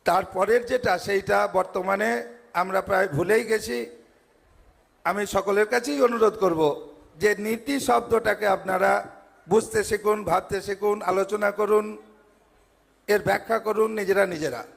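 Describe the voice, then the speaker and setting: A man's voice: sits high, a little slow, creaky, pauses often. A monk preaching a devotional sermon at a large ashram gathering, earnest, stacking his points in repeated parallel phrases. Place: large ashram assembly hall. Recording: long hall reverb.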